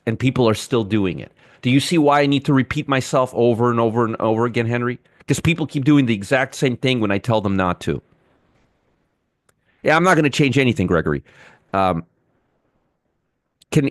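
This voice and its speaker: Middle-aged male stream host, mid-pitched, dry close sound, repeats himself, talks to chat. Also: no room sound. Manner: repetitive, talks to chat viewers by name. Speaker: trading show host. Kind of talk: live market commentary with chat.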